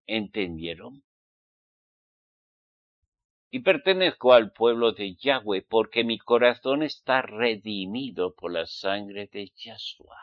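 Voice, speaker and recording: This Basque preacher from Spain speaks slowly in a lowish voice with lively intonation, the audio free of echo but with highs cut off. His sermon is fiery and admonishing, addressed straight to listeners and peppered with rhetorical questions, all in a Spanish accent.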